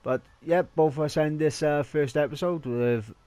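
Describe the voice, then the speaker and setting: A man's voice: on the high side, normal speed, warm tone, smooth, faint music behind. A young Welsh man hosting a racing game video, chatting casually with a self-mocking, slangy manner. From Wales. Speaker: gaming channel host.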